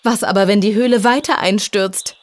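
A woman voicing a timid, anxious young boy in a storybook reading, in a high, strained boyish voice. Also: normal speed, a little hiss or hum, lightly acted. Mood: frightened.

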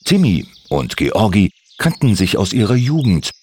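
A man reading a children's story aloud with a very expressive delivery. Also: lowish voice, measured pace, breathy edge. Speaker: narrator.

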